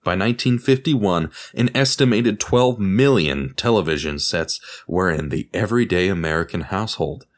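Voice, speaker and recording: Storytelling for a scripted documentary podcast, this man stresses lines for dramatic effect on purpose, his low-pitched voice carrying lively intonation.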